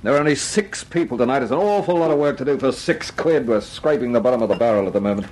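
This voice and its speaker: A man's voice: mid-range voice, expressive, fast talker, darkish tone, slight background noise, natural voice, rough recording. An actor playing a weary, scheming male fake medium in an old radio drama. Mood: grumbling, scheming.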